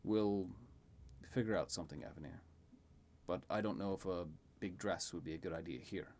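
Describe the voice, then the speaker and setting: A man playing a kindly, protective knife-thrower uncle in a tabletop role-play, gentle and reassuring. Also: sits low, normal speed, slight background noise, voice pushed down, lightly acted. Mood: gently reluctant.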